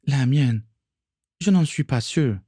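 A man voicing a gentle, heartfelt young Englishwoman in a read-aloud story. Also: mid-range voice, expressive, slow pace, husky, no room sound, clean studio sound, voice pushed up. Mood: tender. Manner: soft, raised voice.

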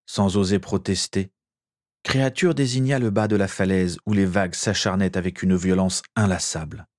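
A man reading a story aloud with measured, expressive narration. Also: low voice.

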